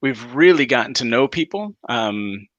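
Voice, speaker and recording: Bright-voiced, easygoing American man. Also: mid-range voice, expressive, moderate pace, no echo, muffled recording. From Jacksonville, Florida, United States. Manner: easygoing, hesitant, many fillers. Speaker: co-host. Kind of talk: casual live-stream chat.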